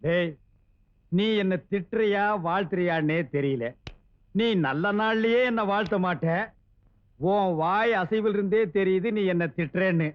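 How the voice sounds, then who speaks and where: An actor playing a TV shop owner who speaks in theatrical, hammy comic film dialogue. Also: male voice, high voice. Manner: theatrical, hammy, swings between slow and rushed. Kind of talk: 1990s film comedy dialogue. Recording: dull, dry old film soundtrack.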